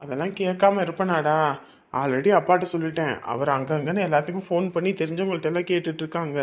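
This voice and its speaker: A woman's voice: sits low, quick pace, lightly acted. A woman voicing a worn-out young husband who is desperately searching for his missing wife, pleading and tearful. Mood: worried, exhausted. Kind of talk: audio drama acting.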